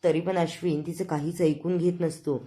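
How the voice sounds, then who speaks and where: Low, mellow-voiced woman recapping a serial. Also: level tone, moderate pace. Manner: conversational, recounting scenes and quoting characters' lines. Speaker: serial episode reviewer. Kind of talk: retelling a TV serial episode.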